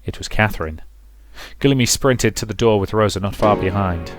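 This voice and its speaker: A man with a fairly low voice talks at an ordinary speed while hosting a let's play. He alternates between offhand commentary and reading out a visual novel's story, over game music in an echoey room.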